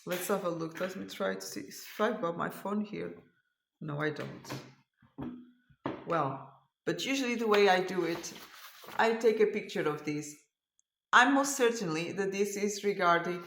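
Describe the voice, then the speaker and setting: A cross stitch channel host, a native Portuguese speaker, chats through a casual show-and-tell vlog, tired after a long day and thinking aloud as she hunts for words. Her fairly low, fairly bright voice moves at a measured pace with frequent pauses, in a roomy space with slight background noise.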